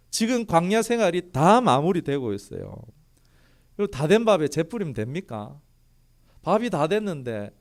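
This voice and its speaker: Lively man preaching a sermon. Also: fairly high pitch, gravelly. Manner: lively, fires rhetorical questions at the congregation; reads scripture aloud in a formal tone. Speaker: pastor.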